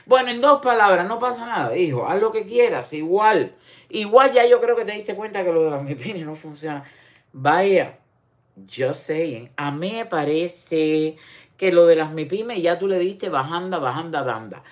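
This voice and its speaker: A woman's voice: on the low side, lively intonation, unhurried. An older woman with a Cuban accent hosting an online show, chatting casually, teasing and talking straight to the viewer. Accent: Cuban Spanish. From Cuba. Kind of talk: casual commentary chat.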